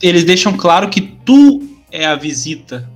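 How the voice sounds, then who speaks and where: A man hosting a casual interview, chiming in with short, relaxed remarks. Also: high voice, unhurried, music in the background.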